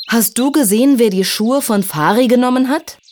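A woman voicing a little girl helper fairy who talks in a high, pleading voice. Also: moderate pace, darkish tone, slight background noise, natural voice.

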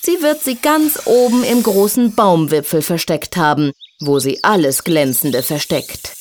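A woman's voice: on the low side, lively intonation, measured pace, slight background noise. A woman voicing a lazy, sly female snake who talks in a drawling, knowing way.

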